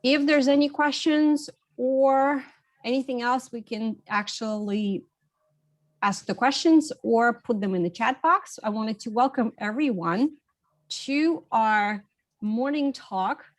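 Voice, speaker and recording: Higher-voiced woman hosting an online workshop. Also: takes it slowly. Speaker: host, senior living specialist and real estate agent. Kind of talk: informal workshop introduction. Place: online video call with shared screen.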